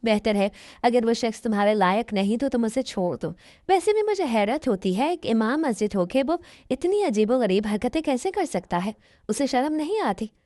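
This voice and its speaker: A woman's voice: fairly high pitch, expressive, moderate pace, a little mellow, dry recording, studio quality, lightly acted. A woman voicing a serious, disapproving older brother who speaks reproachfully. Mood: stern.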